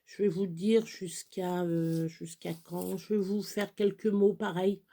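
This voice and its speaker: Woman reading kids' words and spelling them out, slow and unhurried, chatty asides. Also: on the low side, steady tone, warm tone. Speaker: children's storyteller. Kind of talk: casual reading and spelling lesson for children.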